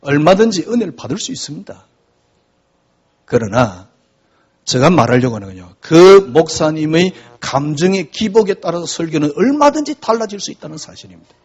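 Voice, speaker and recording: A man preaching a sermon, talking to the congregation in a conversational way and asking many rhetorical questions. His voice sits high and swings widely in pitch, with a husky edge. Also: very animated, moderate pace, dull audio. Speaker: pastor.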